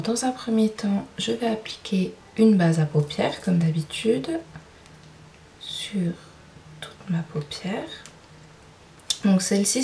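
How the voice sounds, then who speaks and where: A woman's voice: mid-range voice, a little mellow, a little hiss or hum. Chatty French woman in a roomy space. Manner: chatty, hesitant with frequent fillers. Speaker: beauty vlogger. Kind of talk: makeup tutorial narration. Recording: roomy sound, mic at a distance.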